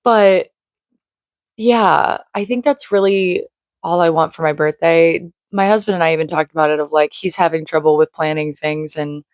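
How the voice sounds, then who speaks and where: There's no echo as this woman in her late twenties speaks at a moderate pace with a low pitch. A vlogger in a home room against a shared wall, she delivers an earnest, meandering, casual monologue full of "like," her voice slightly crackly from screaming.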